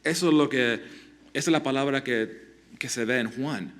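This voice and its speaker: Male pastor, mid-pitched, earnest sermon delivery, halting restarts, direct questions to congregation. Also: a bit bright.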